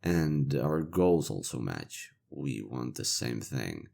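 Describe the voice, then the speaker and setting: In a fantasy audio roleplay, a man plays a cynical imperial interrogator, a soldier who still has a conscience. His extremely low, gravelly voice crackles with fry but carries lively intonation, and he speaks slowly in a heavily acted, sardonic, weary, conversational way. The audio drama monologue sounds guarded and conflicted.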